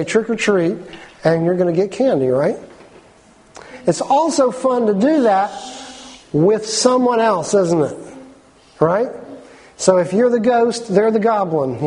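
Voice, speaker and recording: A high-pitched male preacher gives a friendly, interactive sermon. He keeps checking in with his listeners and has them say lines back to him. On key phrases he drops to a slow, deliberate delivery. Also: a little mellow, low-quality recording. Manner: engaging, asks the congregation to repeat lines; slows down to stress key phrases. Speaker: pastor.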